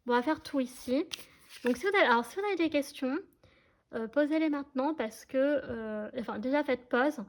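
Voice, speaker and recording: Speaking at a normal speed in a high-sitting voice, a tarot card reader chats with her viewers during an informal reading. She is hesitant and uses lots of fillers, addressing them directly and often making sure they keep up.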